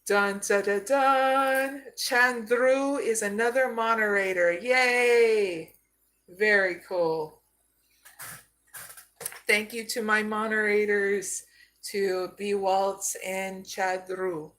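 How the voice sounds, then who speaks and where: Slow-talking woman psychic reader. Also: mid-range voice, steady tone, a bit bright. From Arizona. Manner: slow, soothing, often adds "okay?". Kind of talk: live stream reading.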